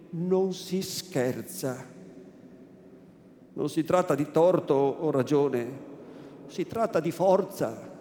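A timid old village priest, fearful and whiny, his pleas climbing high, as a male reader acts him out. He talks slowly and anxiously, begging for mercy. The sound carries the echo of a large room. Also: a little mellow, slight background noise. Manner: pleading, fearful, rising high. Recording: echoey room, faint ambience.

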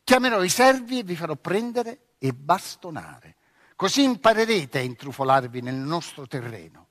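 A man's voice: on the high side, very animated, moderate pace, fairly bright tone, no room sound, studio quality, in a large hall. A man reading aloud voices a haughty young noble girl who teases and bosses. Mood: imperious. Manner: teasing, imperious.

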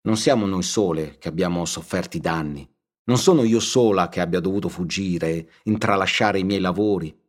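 A man voicing a humble, pious young village woman who speaks earnestly, gently and firmly in an audiobook reading. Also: low-pitched, moderate pace.

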